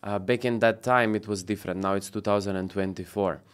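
A man in his thirties hosting a casual podcast interview, upbeat and quick to laugh, with small grammar slips, recorded on a desk boom mic in a studio. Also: steady tone, smooth. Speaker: podcast host. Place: studio set with blue walls and a wooden table. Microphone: desk podcast mic on boom arm.

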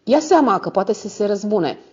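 A woman's voice: lowish voice, very animated, a little mellow, breathy edge. Lady doing a scared young singer girl, pleading, kinda breathless, lo-fi audio. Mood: alarmed. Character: frightened young female street singer.

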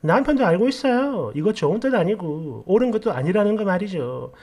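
A man's voice: high voice, lively intonation, brisk, darkish tone. A man narrating a reader's story and adding blunt, sarcastic commentary.

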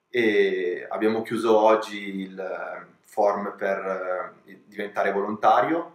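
A young man, president of a ski resort and race director, calmly answering interview questions in an office, measured and informative with brief hesitations. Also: on the low side. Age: young adult. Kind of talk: calm seated interview answers. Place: office with pennants and souvenirs on the wall, indoors. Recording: roomy office echo.

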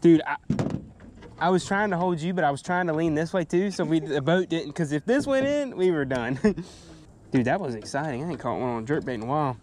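An excitable young man chatting while he fishes from a small boat on an outdoor pond. His voice sits a little high and swings widely in pitch. The noisy action-camera audio picks up plenty of rumble and clatter around him. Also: brisk. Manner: excitable, exclaiming and laughing at catches. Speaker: fishing vlogger. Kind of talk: casual outdoor chat while fishing. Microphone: head-mounted action camera.

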